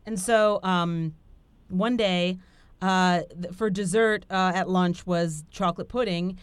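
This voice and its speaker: A woman hosting a podcast, telling stories in a lively casual chat with lots of fillers. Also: on the low side, slow, clean tone, dry recording. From Italian heritage. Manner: animated, storytelling with frequent fillers. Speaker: podcast host. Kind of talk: casual conversation.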